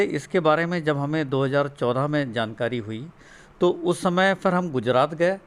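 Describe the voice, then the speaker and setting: A middle-aged man from Uttar Pradesh, speaking as a father answering questions in an interview. His voice sits a little high, and he explains his points in an earnest, steady way. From Uttar Pradesh, India. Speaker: guest, father of a student.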